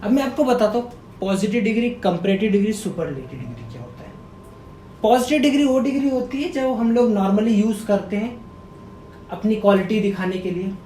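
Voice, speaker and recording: A male teacher giving a grammar lesson, quizzing his viewers by repeating key words as questions and sounding words out slowly. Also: expressive, dark tone. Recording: echoey room with faint rumble.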